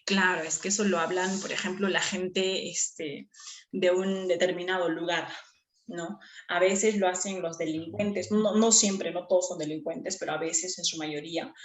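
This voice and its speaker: A woman, teaching a language class in an animated way and checking often that her students follow. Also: fairly low pitch, a little slow. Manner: animated, with frequent checking questions. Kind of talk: classroom lecture. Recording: echoey room.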